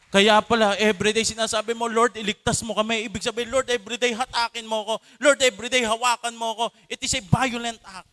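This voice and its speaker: A man's voice: a little high, bright, forceful tone, smooth. A man preaching a sermon at a church service, impassioned and mixing Tagalog with English, with emphatic swells. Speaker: pastor.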